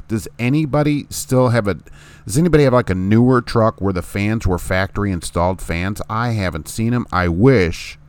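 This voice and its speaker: A middle-aged man hosting a trucking talk show, rambling and indignant, stopping to talk to his dog. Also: lowish voice. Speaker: trucking channel host. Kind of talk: opinionated solo talk.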